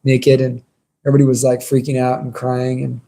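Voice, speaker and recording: A man's voice: medium pitch, completely flat delivery, a little fast, dark tone. A man giving an informal devotional sermon as a religious teacher, conversational and earnest in his delivery.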